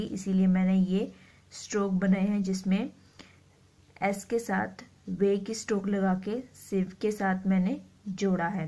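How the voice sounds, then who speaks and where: A woman teaching shorthand, explaining slowly and repeating each word as she writes it out. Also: medium pitch, warm tone. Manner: slow, repeats words while writing. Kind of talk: explaining a lesson.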